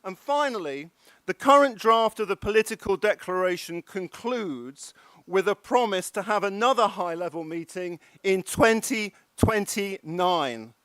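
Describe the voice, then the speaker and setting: A man's voice: high voice, animated, measured pace, fairly bright tone, no room sound. A man delivering an impassioned, emphatic formal speech with rhetorical questions. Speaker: keynote speaker.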